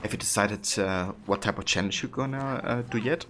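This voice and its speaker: A young man chatting casually and haltingly as he livestreams a game and answers his viewers. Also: fairly low pitch, noisy background. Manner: hesitant, pausing, reads chat aloud. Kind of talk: casual game-stream chat.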